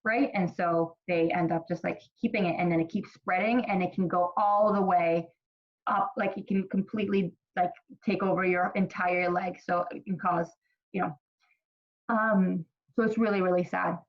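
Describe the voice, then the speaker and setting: A woman from Ethiopia teaches a college microbiology class in a loose, conversational way, full of fillers and restarted sentences. Her voice sits a little low for a woman. The recording sounds slightly dull and lo-fi. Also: steady tone, normal speed. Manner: chatty, many fillers and restarts. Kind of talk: casual recorded lecture.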